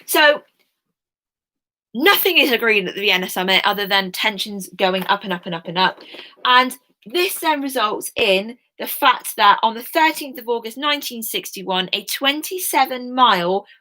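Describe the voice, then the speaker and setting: A woman's voice: a little high, lively intonation, moderate pace, sharp tone. A young woman, giving a casual recorded history lesson in a chatty, informal way, full of asides and filler words. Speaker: history teacher.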